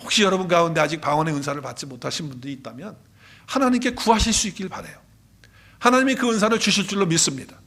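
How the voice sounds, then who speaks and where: A man's voice: a little high, fast, a bit bright. A man preaching a Sunday sermon as pastor, emphatic, repeating key phrases and putting questions to the congregation. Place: church sanctuary.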